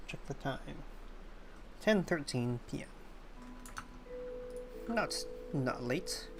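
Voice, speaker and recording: Speaking slowly in an expressive bass voice, a young woman livestreams a game and chats casually. She thinks aloud with some hesitation while game music plays.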